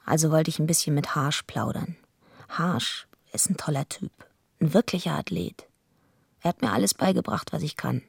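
An actress playing a tough, surly wrestling villainess who tells her own story in a radio play, blunt and deadpan, with a raspy, gravelly voice. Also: low voice, normal speed, no room sound, clean studio sound, exaggerated voice. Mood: brooding, confiding. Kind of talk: first-person radio play narration.

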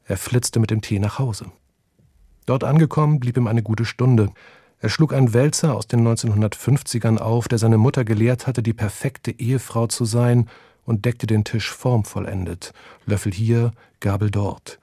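Warm, husky male storyteller. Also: medium pitch, fairly even intonation, normal speed, no room sound, studio quality. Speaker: narrator. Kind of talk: reading fiction aloud.

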